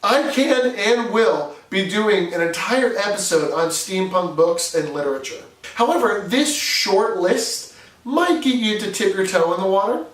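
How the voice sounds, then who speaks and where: A man from New Hampshire with a New England accent hosts a scripted explainer video, earnest and conversational with occasional fillers. His voice is high-pitched, animated, fairly bright, and a little slow. The audio is poor, roomy, and recorded from a distance.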